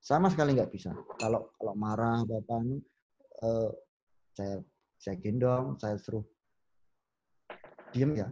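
A man, a podcast guest telling stories in a relaxed chat and acting out the lines he quotes. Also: on the low side, moderate pace, long pauses, muffled recording, a little hiss or hum. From Solo, Central Java. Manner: animated storyteller who acts out quoted lines. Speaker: podcast guest, business owner.

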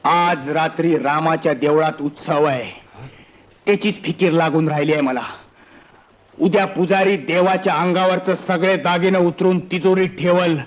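A man's voice: a little high, fairly even intonation, normal speed, natural voice. An actor playing a boastful, scheming village thief in a film comedy, chatty and laughing as he bosses others around. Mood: scheming, chuckling. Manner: chatty, laughing, wheedling and bossy. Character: sly, boastful village thief, middle-aged man.

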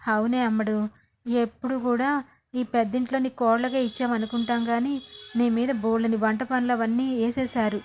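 A woman's voice: a little high, level tone, normal speed, darkish tone, a little hiss or hum, lightly acted. A woman voicing a scheming, gloating middle-aged woman relative in a retold serial, sly and needling. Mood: coaxing.

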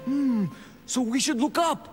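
A man's voice: very high-pitched, a little slow, soft background music. A man voicing a learned, cautious male mouse guide in a cartoon. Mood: explaining. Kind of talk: cartoon voice acting.

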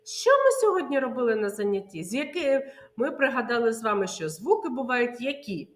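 Woman kindergarten teacher, lively higher voice, slow and sing-song, echoey room. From Ukraine. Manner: sing-song, drawn-out words, answers her own questions. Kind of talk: online preschool literacy lesson.

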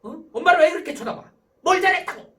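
A man acting out a sharp, impatient mother who scolds her child in quick, shrill bursts. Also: expressive, far from the mic, full character voice. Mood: scolding. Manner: shrill rapid-fire scolding.

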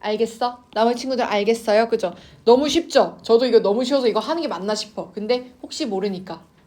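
Casting note: high-pitched woman as an English teacher, coaxing, keeps asking the class if they follow. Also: fairly quick, darkish tone. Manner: coaxing, checks in constantly with students. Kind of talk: online class lecture to students.

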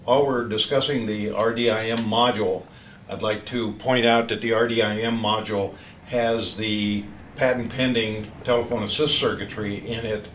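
A trainer in his sixties gives a technical product demonstration in a lowish voice, speaking haltingly with many pauses. He's recorded from a distance in an echoey office meeting room with faint background noise.

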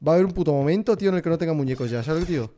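A man's voice: fairly high pitch, animated, very fast, dark tone, slight background noise. A young man with a Spain Spanish accent, jumpy and swearing while commenting live on a horror game for his chat. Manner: profane, jumpy, talks to chat. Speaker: streamer.

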